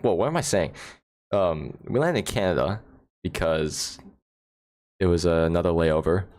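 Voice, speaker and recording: A man's voice: deep voice, darkish tone. A man from the United States chatting casually on a livestream, rambling, laughing often and answering chat questions, recorded on a phone indoors. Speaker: livestream host.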